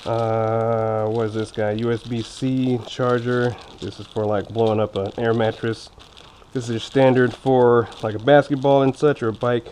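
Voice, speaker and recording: With a flat delivery, moderate pace and darkish tone, a man of average pitch reviews motorcycle gear in a casual unboxing vlog. His braces slightly impede his speech, and he keeps it chatty, informal and jokey, teasing himself now and then. Clicks and background noise are clearly heard.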